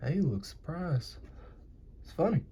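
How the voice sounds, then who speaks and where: Hosting an animation channel from home, this young Southern American man keeps up casual drawing commentary, rambling and cracking jokes to himself. He sounds a little high and very animated, unhurried and warm, with a bit of hiss or hum.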